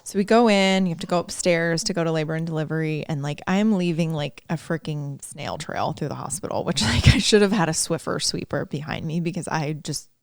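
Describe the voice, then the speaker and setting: A woman in her thirties with a low, gravelly voice tells a story on her podcast in a loose, chatty way. She laughs often and slips into quoted voices. The sound is close and dry. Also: brisk, few pauses, no echo. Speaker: podcast host. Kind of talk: casual storytelling chat.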